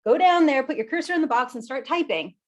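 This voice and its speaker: A woman giving a live online workshop over a video call, talking in a lively, conversational way while standing. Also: high voice, fast. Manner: lively and conversational, laughs often; talks while standing and gesturing. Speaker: workshop presenter.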